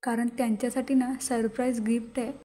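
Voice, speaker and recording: Gentle young wife, devoted, earnest; woman narrator reads her in a mellow, even voice. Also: a little high, a little fast, lightly acted. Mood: tender.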